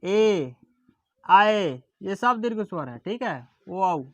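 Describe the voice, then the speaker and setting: A teacher giving a grammar lesson, dictating definitions slowly, repeating words and checking that students follow. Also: mid-range voice, sing-song, a bit bright, no echo. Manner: slow and deliberate, repeats words and checks understanding; drawls vowels aloud as examples.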